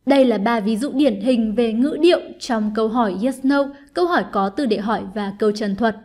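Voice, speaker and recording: A woman teacher giving an online lesson, explaining patiently and clearly, step by step, to her students. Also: fairly high pitch, fairly quick, darkish tone. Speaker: English teacher.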